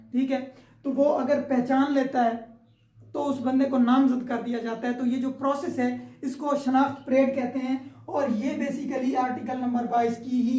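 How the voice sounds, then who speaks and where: A woman with a Pakistani accent gives an informal law lecture that explains concepts in a teacherly way. Her voice sits high and warm, and she repeats her points and checks in with listeners often. The recording sounds echoey and roomy.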